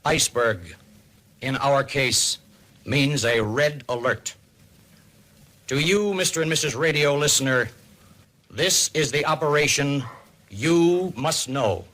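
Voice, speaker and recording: With a grave, instructive air, a mid-range, fairly bright American male voice narrates a 1950s civil defense radio show. He speaks like an announcer: formal, unhurried, and authoritative.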